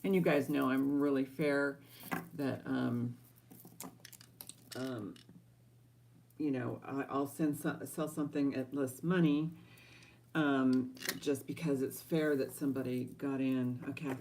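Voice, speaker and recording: A woman with a low voice hosts a live online auction at a slow, unhurried pace. She chats casually and directly to her viewers, often thinking aloud. There is some noise and room ambience behind her. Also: fairly even intonation, a little mellow.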